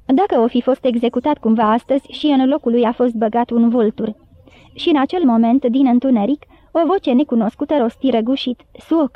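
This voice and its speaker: Woman narrator, storybook reading, high voice, thin phone-like sound, dry. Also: dry recording. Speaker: audiobook narrator.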